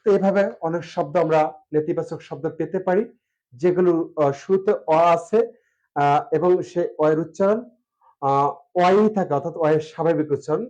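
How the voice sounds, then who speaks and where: A male teacher with a Bangladeshi Bengali accent gives a classroom lecture on pronunciation, slow and deliberate, drawing out example words and pausing with "ah" fillers. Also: on the high side, a little mellow, muffled recording.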